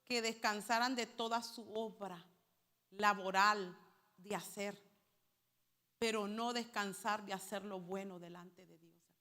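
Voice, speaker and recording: A woman's voice: mid-range voice, fairly even intonation, unhurried, long pauses, pushed and bright. A woman preacher delivering a sermon to her congregation, calling them brothers and explaining Hebrew words for holy. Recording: hall reverb.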